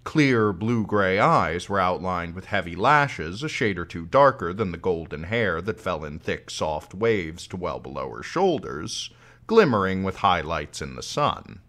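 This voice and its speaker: A man reading a novel aloud as audiobook narration, slow and expressive. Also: low-pitched. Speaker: audiobook reader.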